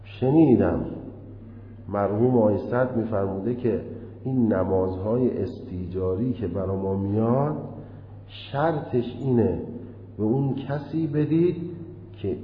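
A man teaching a religious law class in a deliberate way, chanting the recitations he quotes. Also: lowish voice, a little hiss or hum. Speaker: seminary teacher. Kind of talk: jurisprudence lecture. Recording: echoey hall, dull lo-fi.

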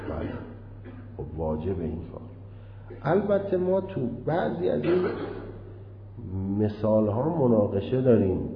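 A man's voice: fairly low pitch, big pitch swings, dull audio, slight background noise. Man lecturing in an echoey hall. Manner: deliberate, chanting quoted recitations. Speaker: seminary teacher. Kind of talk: jurisprudence lecture.

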